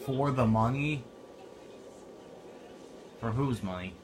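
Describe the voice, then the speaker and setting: A man's voice: mid-range voice, slow. A young man giving casual, offhand commentary while playing a war video game. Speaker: gameplay commentator. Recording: noisy game audio behind.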